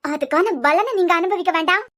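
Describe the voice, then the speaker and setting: A woman's voice: very high voice, brisk, a bit bright. A woman voicing a proud young wife in a cartoon series who fiercely defends her family, lecturing and defiant, with a Kanyakumari Tamil accent. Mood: reproachful. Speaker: cartoon character. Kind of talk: cartoon web series dialogue.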